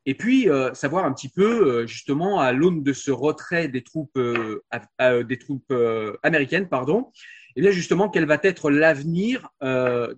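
Man, host, slightly raised pitch, hesitant intro, lots of fillers. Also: husky. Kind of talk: casual video interview intro.

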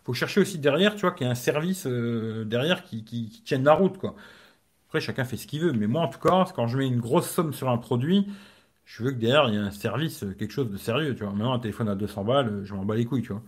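A man's voice: medium pitch, expressive, fast talker, slightly rough. A man hosting a casual live stream as a tech reviewer. He talks in slangy, rambling French and keeps adding "tu vois".

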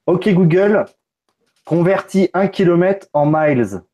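A man's voice: high voice, animated, slow, warm tone. A man hosting a casual live unboxing stream, loose and joking, swearing casually. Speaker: tech streamer.

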